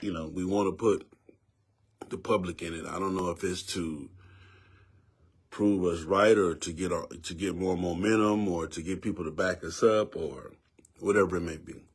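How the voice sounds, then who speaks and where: A man's voice: sits low, breathy edge. A man in his fifties with a Southern US accent, giving his opinion in a casual, preachy way and repeating words for emphasis. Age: 50s. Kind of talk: casual spoken commentary.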